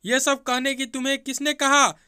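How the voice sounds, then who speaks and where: A man's voice: extremely high pitch, unhurried, clean tone, exaggerated voice. A man voicing a young married woman, a stern and hurt sister-in-law who scolds sharply in a Hindi storybook tale. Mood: angry, sharp. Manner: sharp, scolding when angry.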